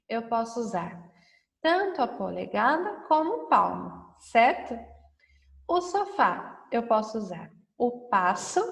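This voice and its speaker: A woman teacher correcting a lesson for first graders, talking slowly and patiently, stretching out words and often checking understanding. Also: on the high side, creaky, long reverb tail, recorded from a distance. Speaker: primary school teacher.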